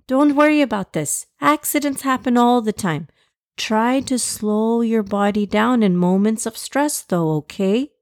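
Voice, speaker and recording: Woman playing a caring mother, raised pitch. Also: measured pace, no room sound, clean studio sound. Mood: reassuring. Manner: gently instructive. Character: caring, reassuring mother of young children. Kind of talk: children's story character dialogue.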